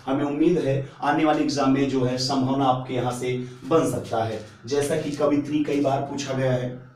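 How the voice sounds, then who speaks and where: A man's voice: medium pitch, a little mellow. Man drilling spelling in an echoey room. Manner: repetitive drilling, asks and answers his own questions. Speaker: teacher. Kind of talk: exam-prep spelling lesson. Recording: echoey room, mic at a distance.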